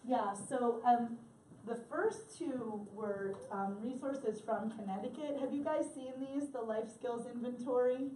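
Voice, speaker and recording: A woman's voice: on the high side, unhurried, mellow, slight background noise. A woman presenting an assistive technology workshop, conversational and chatty with fillers. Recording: echoey room, mic far off, faint ambience.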